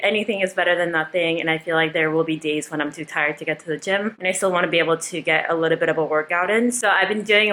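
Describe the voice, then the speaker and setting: A woman's voice: fairly low pitch, pushed and bright, low-quality recording. A woman in her late twenties, a new doctor, chatting casually to camera at home with lots of "like" fillers. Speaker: new resident doctor vlogging. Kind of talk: casual vlog talk to camera. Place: at home, indoors.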